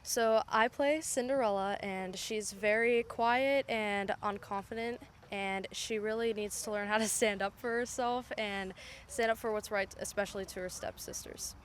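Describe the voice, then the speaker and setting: A chatty woman from a theatre cast describes her costume, filling pauses with "like". Her pitch is middling, with soft outdoor ambience behind. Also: slight background noise. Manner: chatty, uses 'like' often. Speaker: cast member. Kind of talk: casual interview answers.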